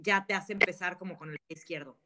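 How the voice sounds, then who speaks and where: A woman's voice: fairly low pitch, quick pace. Candid woman telling stories. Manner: candid, animated storyteller who laughs often. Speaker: guest. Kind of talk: casual storytelling in an interview.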